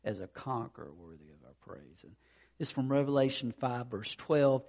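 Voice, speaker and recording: A man preaching a sermon, swinging between loud emphatic declarations and quieter personal asides. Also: mid-range voice, animated, moderate pace, muffled recording. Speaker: pastor.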